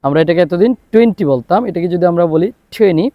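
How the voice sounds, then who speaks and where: A Bangladeshi man teaching a spoken English lesson, repeating each word slowly and clearly so listeners can copy it. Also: high voice, no echo, narrow, tinny audio. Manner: drills words by repeating them slowly and clearly. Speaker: English teacher, academy founder.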